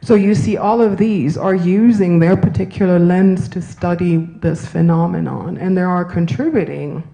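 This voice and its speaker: A woman's voice: on the low side, fairly even intonation, moderate pace, gravelly, warm tone, low-quality recording. A woman who grew up in Germany and Italy, giving a university lecture and answering questions, talking in a discursive way and often checking in with "right?". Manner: discursive, self-correcting, asks "right?". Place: university auditorium.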